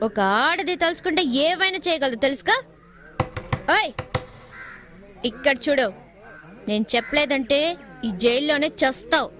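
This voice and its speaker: A defiant young daughter. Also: female voice, sits high, moderate pace, pauses often, a bit bright, slight background noise. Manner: defiant, haughty. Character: stubborn proud young woman, daughter.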